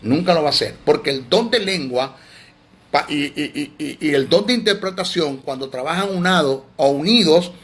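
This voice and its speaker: Enfático maestro de teología, voz aguda. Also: male voice, fairly high pitch, fairly bright tone. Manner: emphatic, scolding, repeats words. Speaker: theology teacher. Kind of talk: teaching sermon.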